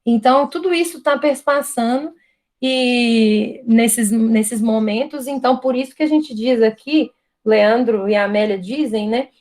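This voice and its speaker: Fairly high in pitch but darkish in tone, her voice carries a Brazilian Portuguese accent. She's a guest lecturer presenting online to university students, speaking thoughtfully with many restarts and repeated "né?" tags.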